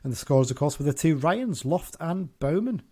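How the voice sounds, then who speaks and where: A man's voice: fairly high pitch, lively intonation, normal speed, a little mellow, husky. A man hosting a casual football podcast, chatting loosely with frequent restarts and self-corrections. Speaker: podcast host.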